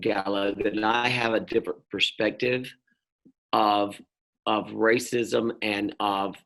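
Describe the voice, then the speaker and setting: In a lowish voice with vocal fry, a middle-aged man from North Carolina, in the US South, chats as an interview guest. His talk is casual and meandering, with plenty of fillers and restarts.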